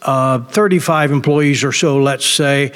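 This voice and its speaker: A man's voice: medium pitch, unhurried, a bit bright. A middle-aged man preaching a sermon as a pastor, telling a story emphatically with many fillers and restarts. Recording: long reverb.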